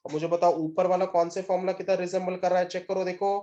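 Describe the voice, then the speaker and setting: A man's voice: sits high, flat delivery, fast talker, mellow, highs cut off. A man teaching a math class, quizzing his students again and again with short questions and mixing phrases into his talk. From India. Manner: drills students with repeated questions, mixing English into Hindi. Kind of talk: classroom lecture.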